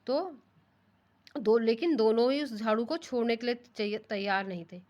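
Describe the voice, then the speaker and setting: Hindi teacher explaining a story to children. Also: female voice, on the high side, a little mellow, muffled recording. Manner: rereads lines slowly then explains them in simpler words; asks the class rhetorical questions. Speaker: primary school teacher.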